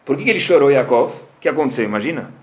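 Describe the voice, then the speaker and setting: A man's voice: mid-range voice, expressive, rapid-fire, a little mellow, muffled recording. A man giving a religious lesson who keeps asking his listeners rhetorical questions. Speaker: Torah teacher.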